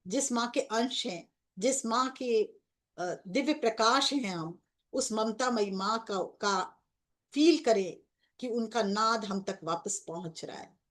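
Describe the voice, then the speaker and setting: A woman's voice: fairly high pitch, slow pace, a bit bright. A woman guiding a group meditation in a devotional tone, with English words mixed into her speech. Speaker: meditation guide. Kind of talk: guided meditation.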